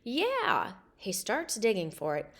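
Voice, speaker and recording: In a medium-pitched voice at normal speed, a woman performs a children's novel aloud with lively, expressive storytelling.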